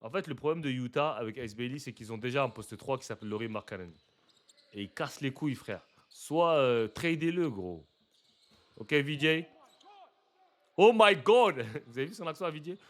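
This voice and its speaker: A young man giving casual live reaction commentary to basketball footage, slangy and chatty, breaking into loud excited exclamations. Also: medium pitch, moderate pace.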